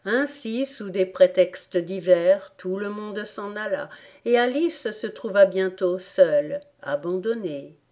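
A woman reading a storybook aloud in a measured, expressive narration. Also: medium pitch. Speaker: audiobook reader.

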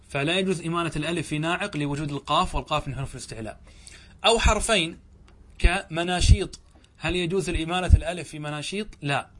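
A man's voice: on the high side, a bit bright. Arabic grammar sheikh quizzing his class. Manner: asks a question and answers it himself, often restarts and corrects himself. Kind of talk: classroom lecture with questions and answers.

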